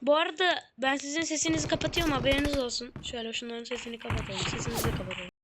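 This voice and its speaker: A woman's voice: fairly high pitch, steady tone, very fast, very noisy. A young woman in school giving frustrated gameplay commentary on a phone mic, often repeating herself. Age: young, still in school. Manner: frustrated, complaining, repeating words. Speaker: mobile game streamer. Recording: loud game sounds and screen taps.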